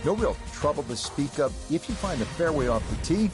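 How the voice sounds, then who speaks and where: A man's voice: on the high side, sing-song, fairly quick. A man voicing a composed play-by-play golf commentator in a video game broadcast. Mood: composed, approving. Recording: game music and crowd noise behind. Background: music and crowd.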